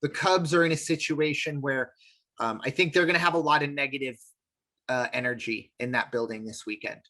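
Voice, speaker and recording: A man's voice: mid-range voice, brisk, pushed and bright. A man co-hosting a casual sports podcast, rambling with lots of fillers and restarts. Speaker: podcast co-host.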